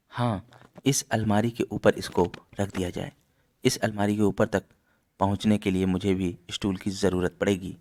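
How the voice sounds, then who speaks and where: एक आदमी बनता चिंतित बूढ़ा दादा. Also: male voice, on the low side, darkish tone, lightly acted. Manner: fretful, muttering to himself. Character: fussy old grandfather guarding a vase.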